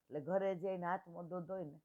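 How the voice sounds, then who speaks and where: Older woman storyteller at a devotional gathering, lowish voice, retells dialogues in homely speech, tinny phone-like sound. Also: steady tone, a little fast. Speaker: satsang speaker.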